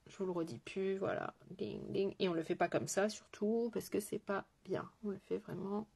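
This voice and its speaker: A woman's voice: mid-range voice, steady tone, moderate pace, vocal fry, darkish tone, breathy edge. A woman with a French accent, a makeup artist chatting casually through a live tutorial, greeting viewers and joking about herself. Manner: chatty, greets viewers, self-mocking asides.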